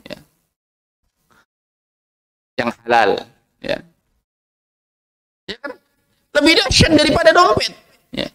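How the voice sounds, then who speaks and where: A man preaching a sermon, lively, asking the audience questions and answering them himself. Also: slow, pauses often, low-quality recording. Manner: lively, swings from low asides to high rhetorical questions.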